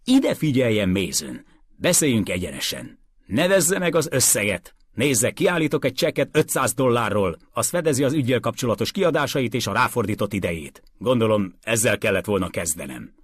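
Guy doing pushy rich man blustering away, husky dry voice, high and excited. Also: dry recording. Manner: loud, insistent, bullying.

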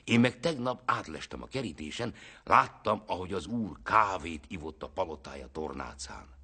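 A man's voice: low-pitched, expressive, vocal fry, bright, forceful tone, breathy edge, pitched above the performer's own voice, full character voice. A man voicing a boastful peasant villager in a folk tale. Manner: bragging.

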